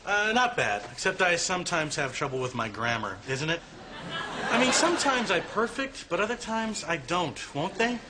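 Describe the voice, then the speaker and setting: A man's voice: sits high, very animated, moderate pace, over a noisy crowd. A man playing a chatty student with muddled grammar. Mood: friendly. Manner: chatty, tags odd question endings. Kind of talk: sitcom sketch acting. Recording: noisy sketch clip with laughter.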